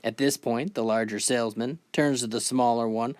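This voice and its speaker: A man narrating spoken jokes. He keeps a casual, steady storytelling pace and often opens a line with "well" as he moves the story along. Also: medium pitch, normal speed, no room sound. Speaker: joke teller.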